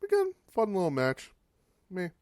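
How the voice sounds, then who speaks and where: A man's voice: high-pitched, wildly swooping pitch, normal speed, a little mellow, no echo, clean studio sound. A man hosting a podcast, giving a casual, wry recap of old wrestling matches and swearing for laughs. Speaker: podcast host.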